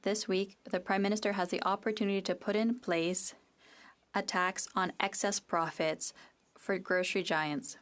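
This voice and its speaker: A woman interpreting a parliamentary debate live, in a measured, neutral way with uneven phrasing. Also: mid-range voice, fairly even intonation, a bit bright. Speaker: simultaneous interpreter.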